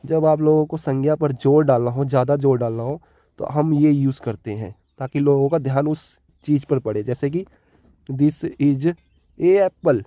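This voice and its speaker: A man's voice: medium pitch, moderate pace, no room sound, lo-fi sound. A man with a Hindi accent teaching an English grammar lesson, explaining step by step and often checking in with his listeners. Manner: repeats key words and keeps checking with "ठीक है".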